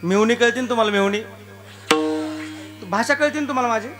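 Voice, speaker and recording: A man preaches a devotional kirtan in a high, lively voice. He jokes and throws questions at his listeners. Tabla and harmonium play clearly behind him. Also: fairly quick. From Beed district, Maharashtra. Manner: jokey, asks the crowd rhetorical questions. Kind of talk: devotional kirtan sermon with sung verses. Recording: live music clearly behind the voice. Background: tabla and harmonium music.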